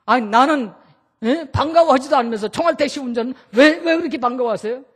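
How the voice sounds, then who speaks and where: An offended pastor from a sermon joke, as a male preacher acts him out, protesting in aggrieved, pleading tones. His voice sits very high for a man. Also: brisk, fairly bright tone, breathy edge, heavily acted. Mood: indignant. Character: indignant big-church male pastor in a joke.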